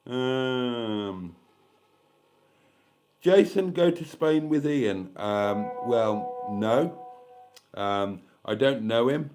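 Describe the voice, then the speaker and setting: A man's voice: fairly low pitch, a little mellow. A man in his fifties hosting a live stream, chatting casually and reading comments in a blunt, candid, sweary way with rambling asides. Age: 50s. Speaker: livestream host.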